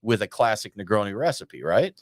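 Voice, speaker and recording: A man's voice: lowish voice, big pitch swings, brisk, no echo. A man from Georgia co-hosting a casual podcast chat, telling stories and teasing his co-host. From Georgia, USA. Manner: chatty storyteller, teasing.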